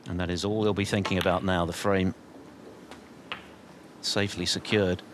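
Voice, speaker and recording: Low-voiced man in hushed snooker commentary. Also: little pitch movement, normal speed, slight background noise.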